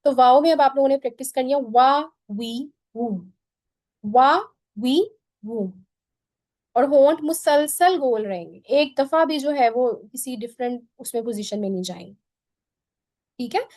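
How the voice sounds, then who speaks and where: A woman teaching Quran pronunciation in an online lesson, patiently drilling each sound by repeating it slowly. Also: high voice, expressive, mellow, dry recording.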